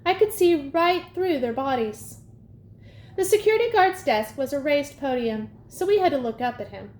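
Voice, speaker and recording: A woman reading a storybook aloud in a lively first-person telling. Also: sits high, moderate pace. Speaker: audiobook reader. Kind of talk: storybook narration. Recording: echoey room, faint ambience.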